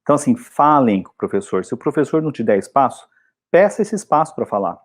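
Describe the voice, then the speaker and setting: A Brazilian man in a casual video lesson, talking to his students in a chatty, encouraging way. His pitch leaps and dips a lot as he talks. His voice sits in an ordinary middle range for a man. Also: sing-song, fast talker. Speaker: English teacher.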